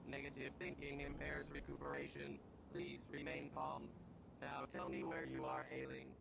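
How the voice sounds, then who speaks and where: A man's voice: very deep voice, moderate pace, creaky, background noise, exaggerated voice. A man voicing a care robot in a game, a blunt, dutiful medical golem with formal, clinical speech. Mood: clinical, stern. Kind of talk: scripted game acting.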